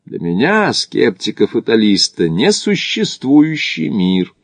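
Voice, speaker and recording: A man's voice: mid-range voice, big pitch swings, slow, dry recording, voice pushed up, exaggerated voice. A man voicing a skeptical, cautious male doctor who climbs as an amateur, wry and guarded. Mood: wary.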